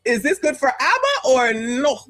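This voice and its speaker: A woman's voice: high-pitched, big pitch swings, moderate pace, a bit bright, no echo. A woman hosting a casual podcast, reading messages aloud and quipping about them. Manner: reads messages aloud, quips.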